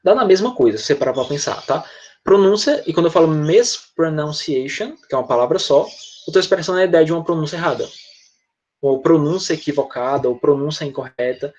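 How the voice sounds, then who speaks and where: A man's voice: on the high side, lively intonation, a little fast, darkish tone. A male Brazilian teacher with a Brazilian Portuguese accent explaining words to students in an online class, often checking in with short questions. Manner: explanatory, uses tag questions like "né?" and "tá?". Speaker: English teacher. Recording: dull lo-fi online class audio.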